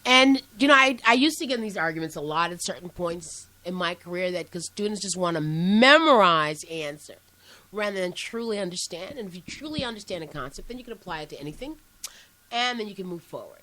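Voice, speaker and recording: Lively woman co-host, quick interjections. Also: lowish voice, no echo, low-quality recording. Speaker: radio show co-host and educator. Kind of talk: casual radio chat.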